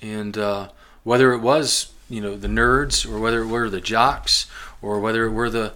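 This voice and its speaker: Male podcaster in his forties with a bright voice and a rambling, restart-heavy manner. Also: lowish voice, fairly even intonation, moderate pace. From Ohio and Kentucky, US. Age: 40s. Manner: rambling, many restarts and fillers, chuckles often. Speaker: podcast host. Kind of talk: casual personal monologue.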